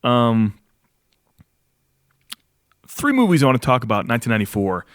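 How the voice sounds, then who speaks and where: A man's voice: medium pitch, normal speed, dry recording, clean studio sound. A man co-hosting a casual podcast chat, telling stories with lots of laughter. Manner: laughs often, animated storytelling. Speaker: podcast co-host.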